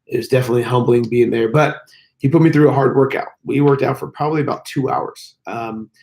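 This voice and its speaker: An American man chatting casually on a livestream in a hotel room, his voice hoarse, strained, breaking and mostly lost from sickness. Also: mid-range voice, steady tone, a little fast, a little mellow. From United States. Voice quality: hoarse, gravelly. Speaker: fitness YouTuber hosting a livestream.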